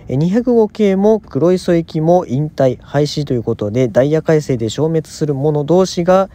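A man's voice: a little high, mellow. A man giving polite, informative scripted narration for a train travel vlog.

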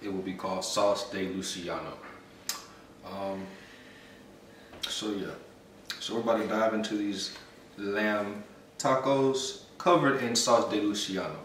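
A relaxed man in his thirties chats through a home cooking vlog, voice fairly low. He sounds a bit away from the mic in a very echoey kitchen. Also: a little slow, long pauses, far from the mic, slight background noise. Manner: laid-back, explains step by step. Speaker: co-host cooking. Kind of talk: casual cooking vlog chat. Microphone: camera mic from a few feet away.

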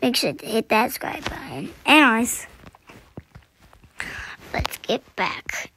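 This young woman hosts a gaming channel and offers casual gameplay commentary in a scratchy morning voice, clearing her throat along the way. She speaks fairly high with big pitch swings, takes it slowly, and has a sharp tone. She's chatty and self-deprecating and often drops to a whisper.

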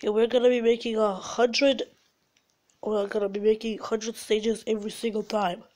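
A woman's voice: fairly high pitch, level tone, normal speed, a little hiss or hum. A woman who is sick, commentating her phone game and swearing at it as the game glitches, recorded on the phone's own mic. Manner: frustrated, swearing, yelling at the game. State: sick, congested. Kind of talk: mobile gameplay commentary. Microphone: phone's built-in mic.

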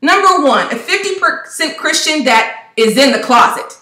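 Fervent high-voiced woman preaching. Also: expressive, normal speed, sharp tone, echoey room. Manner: fervent, preachy, rhetorical questions. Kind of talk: impassioned devotional talk to camera.

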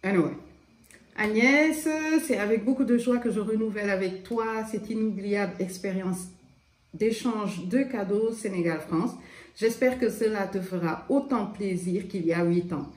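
Unboxing a gift swap parcel on her vlog, this Senegalese woman speaks at a medium pitch and moderate pace, full of excited exclamations aimed straight at her viewers. English phrases slip into her speech, and a dental appliance gives her a slight lisp. Faint noise and a roomy echo color the audio.

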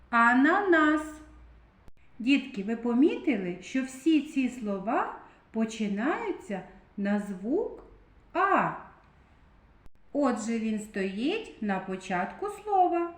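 A woman teaching little children in a slow, sing-song lesson voice, stretching out the key sounds. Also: high voice, darkish tone. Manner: exaggerated, drawn-out stressed sounds. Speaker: kindergarten teacher. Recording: echoey room.

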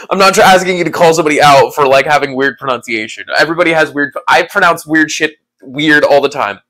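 A man hosting a casual livestream who rambles in a relaxed way, laughs often and talks to his chat. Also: on the high side, fast. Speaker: livestream host.

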